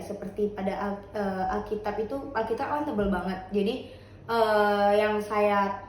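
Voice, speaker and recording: A woman's voice: mid-range voice, darkish tone, echoey room, a little hiss or hum, rough recording. A 21-year-old woman answering interview questions, explaining her views thoughtfully.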